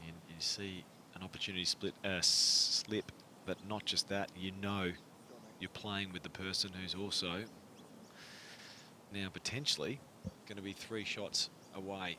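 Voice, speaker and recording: Low-voiced man commentating on golf. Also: steady tone, normal speed, background noise. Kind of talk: live golf commentary, conversational analysis.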